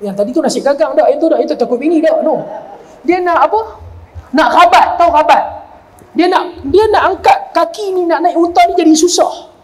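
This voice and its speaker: High-pitched joking preacher. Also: male voice, a little fast, low-quality recording. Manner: lively, joking, acts out quoted people. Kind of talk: religious lecture.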